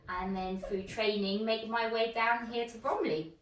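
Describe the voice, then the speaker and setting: A woman's voice: a little high, fairly even intonation. A woman in her thirties from France, an emergency doctor talking to camera about her career in an upbeat, chatty way. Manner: upbeat, chatty, quick asides. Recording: roomy, distant mic.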